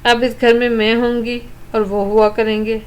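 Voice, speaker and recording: A woman's voice: on the high side, flat delivery, darkish tone, natural voice. Woman reading as a tender worried mother. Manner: tender, anxious, soothing. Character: worried loving middle-aged mother. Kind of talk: storybook reading.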